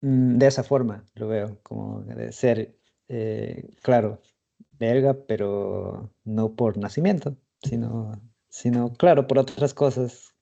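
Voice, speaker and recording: A man with an Ecuadorian accent talks casually, weighing his thoughts as he goes. His voice is gravelly and warm, at a middle pitch. The recording sounds a bit dull and lo-fi. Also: slow pace. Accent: Ecuadorian Spanish. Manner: reflective, hesitant, thinking aloud. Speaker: podcast co-host. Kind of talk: casual conversation. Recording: slightly dull lo-fi audio.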